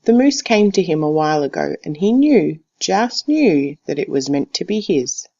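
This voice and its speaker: A teacher reading to a class delivers a picture book aloud in a deliberate, expressive storytelling manner. Her voice is mid-range, and the recording is slightly dull.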